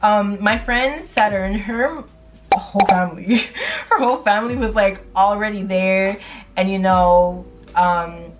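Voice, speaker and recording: A woman's voice: mid-range voice, unhurried, highs cut off, background noise. A young adult woman vlogging at home, telling a personal story in a candid, chatty way, full of fillers and the odd swear word. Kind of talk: casual story time. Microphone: camera mic.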